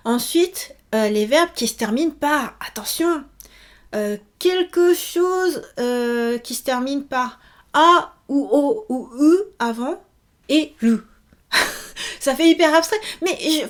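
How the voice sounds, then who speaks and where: A woman giving a casual video lesson, chatty, with many fillers, repeating each example word. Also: high-pitched. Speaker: Japanese teacher.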